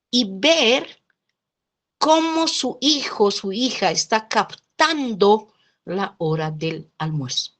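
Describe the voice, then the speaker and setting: A woman lecturing in sociology class, telling stories and checking in with listeners through little question tags. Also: on the low side. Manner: lively storytelling, often adds checking tags like "¿no?" and "¿sí?". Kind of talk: lecture told through anecdotes.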